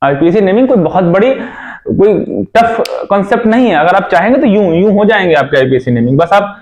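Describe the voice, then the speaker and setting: A man's voice: high-pitched, lively intonation, fairly quick, darkish tone. A young man teaching a chemistry lesson, checking in with his students often and repeating his own questions.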